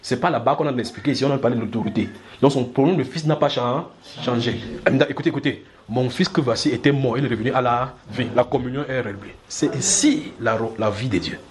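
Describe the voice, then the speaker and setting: A man preaching a sermon in church, lively and demonstrative, often checking that the congregation follows. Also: mid-range voice, fast, a little hiss or hum. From Cameroon. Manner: animated, acts out little scenes and keeps checking the congregation follows.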